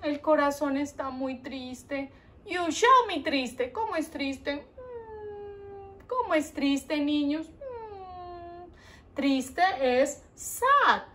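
A woman teaching Spanish to preschool children, slow and patient, repeating each word in two languages. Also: high-pitched, animated, pushed and bright, slight background noise.

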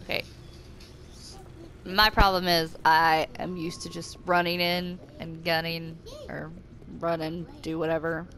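A woman's voice: deep voice, flat delivery, measured pace, fairly bright tone, a little hiss or hum. A young adult woman giving casual, self-mocking commentary while playing a game at home, swearing often and joking sarcastically. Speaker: gamer playing a horror game. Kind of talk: casual let's play commentary. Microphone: desk microphone.

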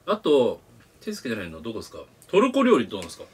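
A man's voice: mid-range voice, huge pitch swings, racing, breathy edge. A young man chatting casually over food in polite, agreeable speech, picked up by a camera in a small kitchen. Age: young adult. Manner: polite junior-to-senior speech, agreeable backchannels. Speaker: co-host. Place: small cluttered kitchen, indoors.

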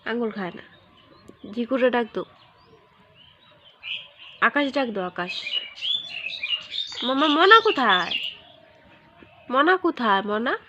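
A woman's voice: fairly high pitch, expressive, slow, long pauses, lo-fi sound, noisy background. A mother with a coaxes her toddler at home, repeating short sing-song prompts into a phone camera. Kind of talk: casual home vlog, coaxing baby talk.

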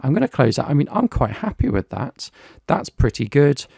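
A man with a gravelly, slightly rough voice walks through a software demo in a relaxed, talky way, narrating each click. The sound is dry and close, with no room echo. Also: a little high, normal speed. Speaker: software reviewer. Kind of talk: screen-recorded software walkthrough.

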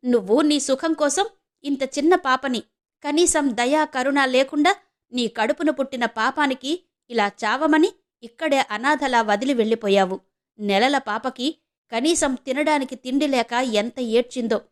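A woman's voice: high voice, unhurried. A woman narrator voicing an indignant adoptive mother who scolds in a storybook reading. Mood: scolding. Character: angry, protective adoptive mother, adult woman.

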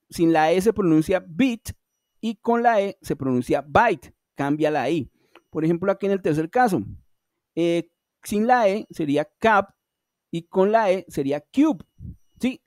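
A man's voice: high voice, mellow, dry recording, studio quality. Patient man teaching English in Spanish. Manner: patient, explanatory, addresses students directly. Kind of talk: online class explanation.

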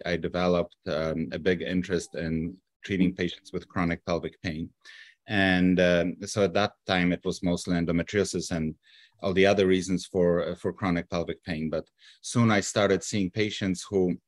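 Polish-accented surgeon on a video call, deep voice, dry sound, halting with fillers. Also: male voice, dry recording. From Poland. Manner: earnest, halting with many fillers and restarts. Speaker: surgeon guest. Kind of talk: live video interview. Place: office with a poster behind him. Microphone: webcam on a video call.

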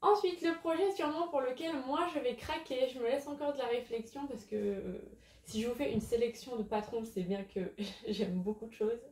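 A woman with a raised, mellow voice chats casually about crochet projects, hesitating often with small fillers. The sound bounces around an echoey room at home. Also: a little high, normal speed. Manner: chatty, hesitant with frequent fillers. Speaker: crochet YouTuber. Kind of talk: casual chat.

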